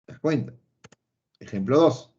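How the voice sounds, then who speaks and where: A math teacher with a mellow, medium-pitched voice speaks a little slowly but expressively in his recorded online lesson. Repeating key points emphatically, he talks straight to students and playfully plays an imagined student answering back, captured on a slightly dull lo-fi recording.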